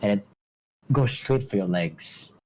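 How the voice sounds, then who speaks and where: A man's voice: fairly low pitch, expressive, measured pace, darkish tone, poor audio. A man running a tabletop game as game master, improvising narration and chatting casually. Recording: faint background noise.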